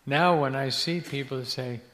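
An older man from Ecuador, a missionary's son, tells a long, rambling story as an interview guest, searching for words with many restarts. His mid-range voice is a bit bright and moves at a moderate pace. A long hall reverb trails each phrase.

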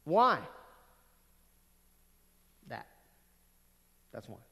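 A man in the pulpit with a slightly higher voice, preaching in an easy, talking style. He raises questions his listeners might ask and answers them himself. His voice rings out with a long echo in a large church. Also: very animated, extremely slow, pushed and bright, husky. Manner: conversational preaching, plays out listeners' objections. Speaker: pastor. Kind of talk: sermon. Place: church sanctuary.

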